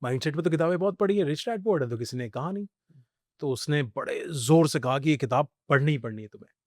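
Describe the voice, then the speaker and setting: His voice fairly high and his pace brisk, a middle-aged Indian man shares animated stories as a podcast interview guest, slipping English phrases into his Hindi. It's a dry, clean studio recording.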